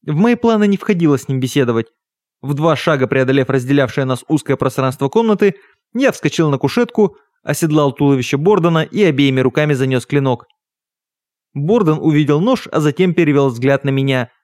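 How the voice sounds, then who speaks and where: A man narrating a first-person literary audiobook in a measured, even storytelling manner on a close studio mic. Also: on the high side, dry recording.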